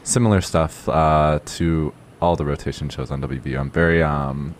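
A man co-hosting a podcast, chatty and quick to laugh. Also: extremely low pitch, fairly even intonation, slight background noise. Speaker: podcast co-host and college radio DJ. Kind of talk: casual podcast chat.

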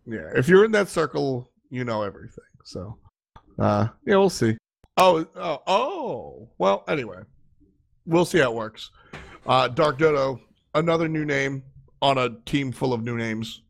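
Animated male esports podcast host. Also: mid-range voice, unhurried, creaky. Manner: joking, animated, trails off and restarts. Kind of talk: casual esports chat.

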